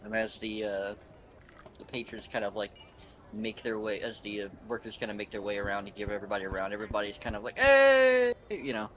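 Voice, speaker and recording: A man's voice: on the low side, monotone, quick pace, background noise. A man narrating a tabletop game as game master, rambling with many fillers. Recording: clear background ambience.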